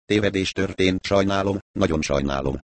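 A man voicing a remorseful, deranged male villain who speaks in a quiet, regretful, fatalistic way. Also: deep voice, natural voice. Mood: calm remorse.

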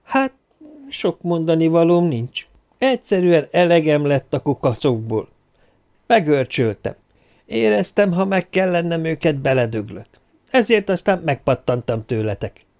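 A man's voice: fairly high pitch, very animated, darkish tone, voice pushed up. A man voicing a cheerful, boastful young man who tells his tale with bravado, in slightly dull lo-fi audio. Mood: excited, chatty. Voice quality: boastful, chatty.

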